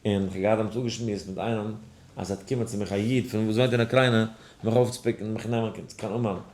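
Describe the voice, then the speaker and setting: A man, a rabbi teaching a daily study class, telling a personal story in an animated way. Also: lowish voice, a little fast. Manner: animated storyteller, acts out other voices. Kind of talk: lesson with a told personal story. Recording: roomy echo.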